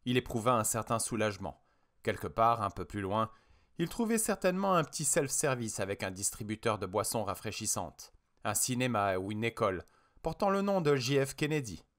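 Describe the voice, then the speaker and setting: A man reading an audiobook with expressive, dramatic narration. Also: lowish voice, a little fast. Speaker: audiobook reader.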